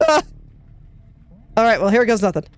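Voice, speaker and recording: A let's play gamer talks her way through a video game in a mid-range voice with lively intonation and no echo. Her commentary is casual and chatty, mostly aimed at herself, and broken up by quick laughs.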